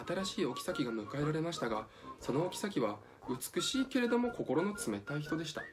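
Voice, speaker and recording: Man, Tsugaru dialect, storybook reading, playful asides, lively pitch, music behind. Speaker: YouTuber.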